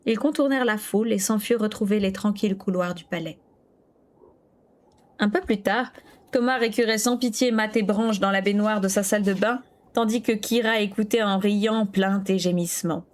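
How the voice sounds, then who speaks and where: A woman's voice: medium pitch, normal speed. A woman reading a novel aloud on a stream, telling the story steadily with an occasional stumble. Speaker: book reader.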